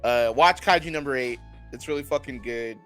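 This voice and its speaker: A man's voice: medium pitch, brisk, fairly bright tone, faint music behind. A man co-hosting an anime podcast, laid-back and laughing often, with casual swearing. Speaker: podcast co-host. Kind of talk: casual chat.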